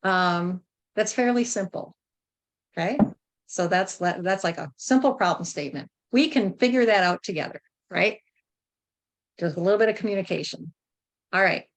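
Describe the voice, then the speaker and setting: A woman in her fifties leading a group workshop over a video call, thinking aloud with pauses and frequent checks like "right?". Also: lowish voice. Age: 50s. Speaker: workshop facilitator.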